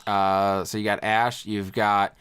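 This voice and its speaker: A man's voice: on the low side, level tone, slow pace, a bit bright, clear, resonant tone. A man co-hosting a gaming podcast, reeling off news with sardonic jokes and a mock news-reader manner. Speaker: podcast co-host. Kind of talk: casual chat.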